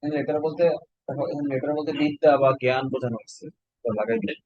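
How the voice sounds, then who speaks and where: A Bangladeshi man teaching an online exam-prep lecture, slowing down to spell out examples and tossing questions at his students. His voice sits fairly high for a man. The audio comes through a computer mic on a video call, dry and a little muffled. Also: fairly even intonation, dry recording. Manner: explains slowly, quizzes students with questions.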